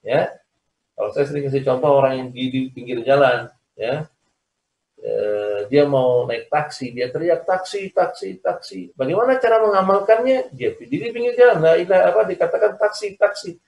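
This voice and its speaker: Over a video call, a man teaches Islam online with a fairly high, darkish voice full of vocal fry, at a moderate pace. He repeats his points to explain and checks agreement with "ya kan?". The echoey, distant audio has its highs cut off.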